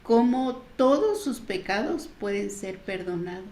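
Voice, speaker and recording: A woman's voice: sing-song, measured pace, a little mellow, roomy sound. A middle-aged Mexican woman with a Mexican Spanish accent tells her personal testimony, acting out the voices in her story. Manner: storytelling, acting out quoted dialogue with pitch jumps. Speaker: church member giving testimony.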